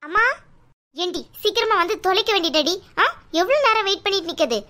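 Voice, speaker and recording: A woman's voice: extremely high pitch, lively intonation, fairly quick, bright, forceful tone, full character voice. A woman voicing a fretful middle-aged cartoon mother-in-law who scolds and hurries her family. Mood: exasperated. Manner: scolding, exasperated. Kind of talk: cartoon voice acting.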